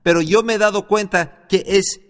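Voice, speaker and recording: A man teaching a Bible institute class as a sermon, telling a story earnestly with halting restarts and rising to loud, emphatic peaks. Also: high voice, fairly even intonation. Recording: reverberant hall.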